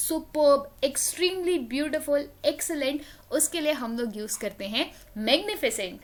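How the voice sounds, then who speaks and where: A woman's voice: sits high, a bit bright. A woman with an Indian accent teaching English vocabulary, explaining each word step by step and mixing Hindi with English. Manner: explains slowly, switching between Hindi and English. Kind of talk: vocabulary lesson.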